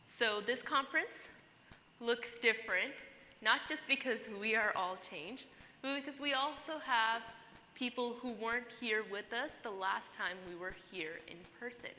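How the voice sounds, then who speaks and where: Bright-voiced woman speaking in a hall. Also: fairly high pitch, measured pace. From Pakistan. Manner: earnest, emphatic, addresses audience directly. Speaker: conference keynote speaker. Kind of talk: keynote speech. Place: large conference hall. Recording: hall reverb, faint noise.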